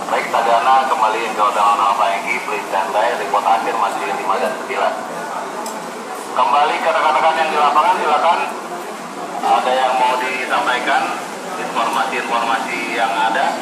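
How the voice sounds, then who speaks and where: A man's voice: medium pitch, normal speed. A man working as a net controller, speaking in formal police-radio style procedure with spelled call signs. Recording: noisy echoey room, radio and vehicle sounds.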